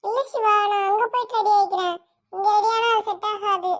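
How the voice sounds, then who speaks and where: A woman's voice: very high-pitched, fairly even intonation, fairly quick. A young woman playing a newly married bride, chatty and playful with her husband, in an amateur family drama. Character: young bride, emotional and teasing.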